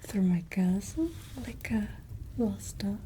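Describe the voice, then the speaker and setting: A woman playing a menacing, aristocratic vampire lady in a whispered ASMR roleplay, haughty, breathy and softly threatening. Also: medium pitch, animated, slow pace, slight background noise. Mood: haughty contempt. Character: menacing aristocratic vampire lady, vengeful captor, cold and imperious.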